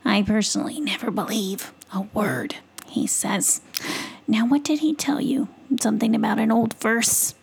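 Storybook mother possum, stern doubter, breathy slow whisper, put on by a woman narrator. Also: a little high, exaggerated voice, poor audio. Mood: questioning. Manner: soft whispered scolding.

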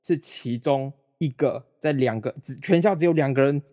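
Speaking at a moderate pace in a mellow, mid-range voice, this young man from Malaysia is a guest on a remote call. He's a former roommate who chats casually, rambling, frequently starting over, and making self-deprecating jokes.

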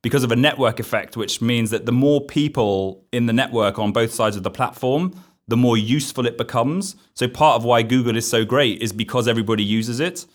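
A man, a podcast guest, explaining ideas at length in a steady, conversational way. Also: medium pitch, a little fast. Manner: steady, explanatory, uneven pace.

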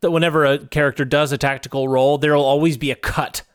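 A man co-hosting a comedy podcast, spinning an improvised tale with deadpan, mock-epic narration. His voice is recorded close and dry, with no room sound. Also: a little high, fast talker, smooth, no echo. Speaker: podcast co-host.

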